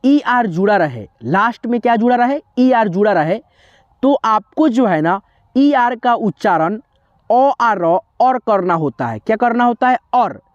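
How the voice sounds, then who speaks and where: A woman teaching a lesson, spelling words out slowly letter by letter and quizzing the listener. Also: fairly high pitch, expressive, dry recording, lo-fi sound. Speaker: English teacher. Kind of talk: classroom-style spelling lesson.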